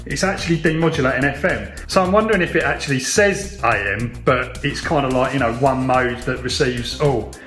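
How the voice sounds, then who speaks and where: A hobbyist video host talks casually in a medium-pitched, mid-range male voice, relaxed and matter-of-fact like an informal demonstration. He speaks fairly quickly with hardly any pauses, while faint music plays behind him.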